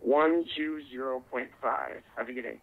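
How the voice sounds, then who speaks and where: A man speaks as an air traffic controller on the radio. His instructions are clipped, procedural and polite. The voice sits at a middle pitch and sounds tinny and narrow, as over a phone line. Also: normal speed. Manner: clipped procedural phrasing, courteous.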